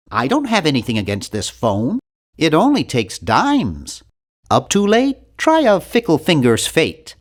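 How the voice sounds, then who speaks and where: Using a full character voice at a fairly high pitch, a man performs an earnest, timid young male nerd for an adventure video game. The delivery is precise and fussy, typical of animated game voice acting.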